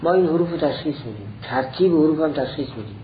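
A man teaching a classical philosophy text in a slow, deliberate lecture, repeating each point step by step. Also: fairly high pitch, animated, muffled recording, slight background noise.

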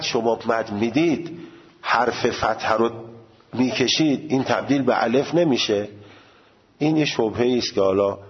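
Lo-fi recording of a teaching cleric. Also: male voice, medium pitch. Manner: recites Arabic examples with drawn-out vowels. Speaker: religious teacher. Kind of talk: lecture on prayer recitation rules. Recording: dull lo-fi recording.

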